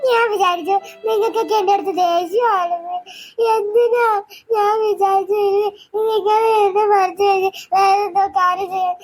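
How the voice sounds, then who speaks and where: A woman's voice: very high voice, fairly even intonation, moderate pace, soft background music. A woman voicing a hurt, reproachful girl in a cartoon who pleads through her tears. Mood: tearful. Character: hurt young girl left out by her family. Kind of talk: cartoon voice acting.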